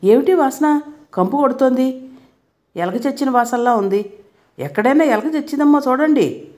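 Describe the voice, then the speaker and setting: A woman's voice: high voice, steady tone, normal speed, warm tone, pitched above the performer's own voice, natural voice. A woman voicing a selfish young wife who complains shrilly. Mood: shrill.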